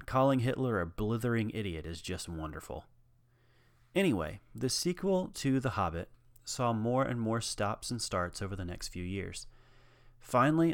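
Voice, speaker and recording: A man narrates a biographical documentary in a measured, earnest way, reading quotations in turn. His voice is low, and the recording is dry and close. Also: no echo. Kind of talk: scripted narration.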